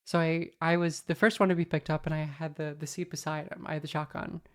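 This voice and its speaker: Low-voiced woman telling wry stories. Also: level tone, fast. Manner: rambling, filler-heavy, wry. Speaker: podcast host. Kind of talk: casual anecdotal storytelling.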